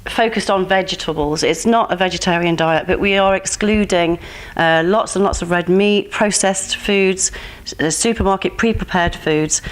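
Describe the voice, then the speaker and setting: A woman answers interview questions in a slightly low voice. She explains things earnestly and at length, often pausing on "um" and "uh" as she goes. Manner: earnest, explanatory, with frequent fillers. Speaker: pageant contestant and nutrition coach.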